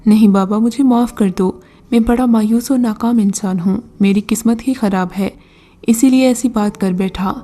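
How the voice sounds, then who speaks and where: A woman's voice: fairly high pitch, steady tone, warm tone, faint music behind, natural voice. A woman voicing a poor, desperate young man who pleads in a flustered way in a storybook reading. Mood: pleading.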